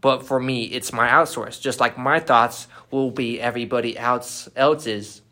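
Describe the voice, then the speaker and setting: Calm man explaining ideas steadily. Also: medium pitch, measured pace. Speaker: guest. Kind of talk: casual podcast discussion.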